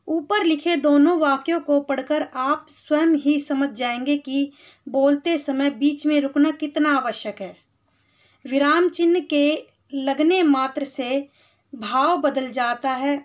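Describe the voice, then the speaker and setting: A woman teaching Hindi grammar to children, patiently explaining and calling them "beta". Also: sits high. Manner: patient, explains slowly, calls students beta. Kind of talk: classroom lesson for children. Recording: slightly dull lo-fi sound.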